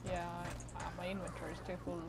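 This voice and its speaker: A woman's voice: fairly low pitch, little pitch movement, racing. A woman chatting in a laid-back way while playing a co-op shooter. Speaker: gamer. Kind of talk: casual co-op game chat. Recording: game chat under loud noise.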